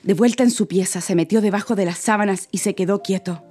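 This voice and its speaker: A woman narrating a children's story in an animated, playful way, with sound effects. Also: mid-range voice, quick pace, breathy edge. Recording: music playing behind.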